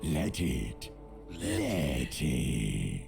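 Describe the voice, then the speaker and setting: Game's primal inner voice, gravelly, brooding, taunting, rock-bottom pitch. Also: male voice, very animated, darkish tone, faint music behind, full character voice. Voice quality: gravelly, very deep. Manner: slow, taunting. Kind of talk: video game voice acting.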